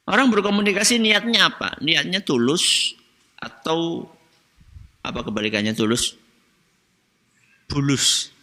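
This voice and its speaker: A man preaches in a religious study lecture, his voice slightly high and piercingly bright. He quizzes his listeners and answers his own questions in a teaching rhythm. Long reverb from a large hall trails every phrase. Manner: asks the audience questions, then answers them himself. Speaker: Islamic preacher.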